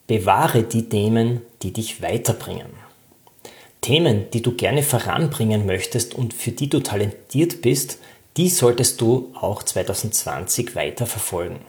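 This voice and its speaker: A man's voice: on the low side, animated, unhurried, darkish tone. A man coaching in a self-help talk, speaking directly to the listener in an informal way.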